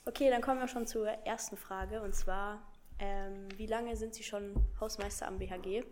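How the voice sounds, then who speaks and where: A woman's voice: mid-range voice, steady tone, normal speed, a little mellow, a little hiss or hum. Young woman interviewer, hesitant and informal.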